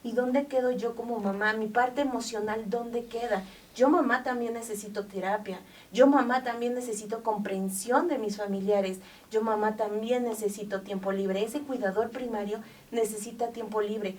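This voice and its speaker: A woman's voice: a little high, steady tone, moderate pace, hardly any pauses, a little mellow, slight background noise. Earnest woman, distant mic. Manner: heartfelt, emphatic, many fillers. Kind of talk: earnest interview talk.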